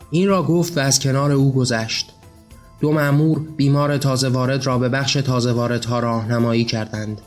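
A male storyteller narrates in a steady, measured way. His voice sits at an ordinary middle pitch. Faint background music runs beneath the reading.

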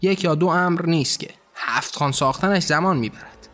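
A man's voice: fairly high pitch, fairly bright tone, faint music behind, close to an everyday voice. A man voicing a weary, mocking male angel who grumbles sarcastically in a storybook reading. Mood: sarcastic.

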